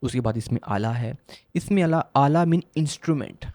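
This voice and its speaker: Asking and then answering his own questions, a man at medium pitch works through a grammar lecture aimed at a law admission test. His voice is a little mellow, he slowly repeats every definition, and there is no room sound.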